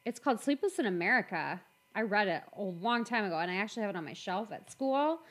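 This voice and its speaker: A woman chatting casually about raising children, animated and fond of repeating a phrase for emphasis. Her voice sits in a middle range. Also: mid-range voice, fast. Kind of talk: casual chat about parenting.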